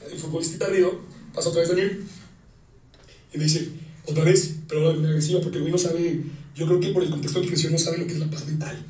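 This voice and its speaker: A man's voice: a little high, fairly even intonation, mellow. A man with a Mexican accent telling a heated story in a rant, coarse and slangy, acting out the lines of others. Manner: fast, coarse, slangy, acts out quotes. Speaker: comedian recounting a wedding fight. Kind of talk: ranting storytelling. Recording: echoey, distant, faint noise.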